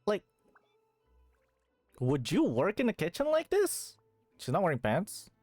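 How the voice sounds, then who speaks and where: Over game music, a woman livestreams her gameplay, chatting casually and rambling, cursing freely, and reacting in disbelief. Her fairly low voice swings hugely in pitch at an unhurried pace, slightly mellow, and the recording is dry.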